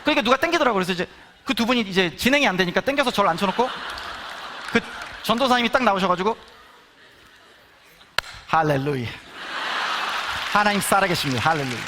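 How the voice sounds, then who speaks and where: A man giving a testimony sermon at a prayer meeting, telling his story in an animated way and acting out what people said. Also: very high voice, racing, a crowd in the background, noisy background. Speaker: guest speaker at prayer meeting.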